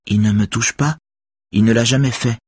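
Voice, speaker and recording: A soft, hesitant teenage girl confides in low tones, her voice sitting higher than the reader's own, as a man acts her out. The sound is husky and close, with almost no room around it. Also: steady tone, normal speed, no room sound, lightly acted. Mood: confiding. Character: teenage girl, quiet and earnest.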